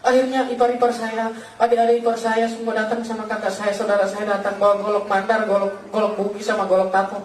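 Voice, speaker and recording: A man's voice: high-pitched, completely flat delivery, fast, a little hiss or hum. A man preaching a fervent testimony sermon, telling his story and constantly calling out to his listeners as brothers. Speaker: pastor giving a testimony. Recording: echoey hall, voice from a distance.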